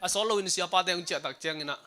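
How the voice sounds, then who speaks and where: High, bright-voiced male preacher. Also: very fast. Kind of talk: sermon. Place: church service streamed online.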